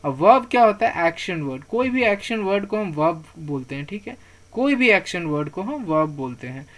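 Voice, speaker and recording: A man teaching grammar terms on slides. He repeats key words slowly for pronunciation, asks questions and answers them himself, and tells learners not to worry. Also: high voice, big pitch swings.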